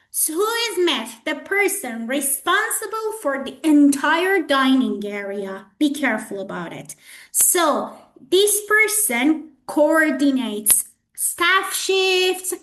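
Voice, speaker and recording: A woman's voice: high-pitched, a bit bright, echoey room. A woman trainer lecturing students in a classroom, repeating herself and checking in with "okay?" and "guys". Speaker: hospitality trainer.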